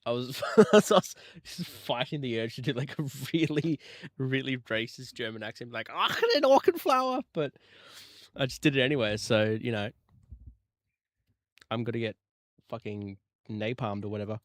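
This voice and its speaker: A man's voice: mid-range voice, normal speed, no room sound, clean studio sound. A man chatting in a casual, jokey way on a livestream while he edits audio on his computer. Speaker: streamer editing rail audio.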